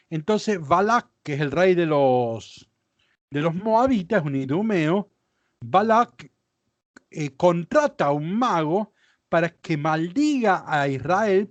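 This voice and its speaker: A man teaching a Bible lesson from slides, explaining step by step and often asking his listeners whether it is clear. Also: high voice, dry recording. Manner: explanatory, checks understanding with questions. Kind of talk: lecture with slides.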